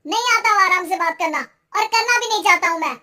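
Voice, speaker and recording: A woman voicing a stubborn young husband in a cartoon story, shouting angrily. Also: very high voice, a little fast, voice pushed up, full character voice. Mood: angry.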